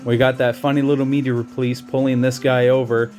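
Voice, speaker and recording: A man narrating a retro video game walkthrough in a loose, chatty way. He stumbles and restarts now and then. His voice sits at a middle pitch over faint background game music. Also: little pitch movement, a little fast. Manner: casual, chatty, with restarts and slang. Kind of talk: casual game walkthrough commentary.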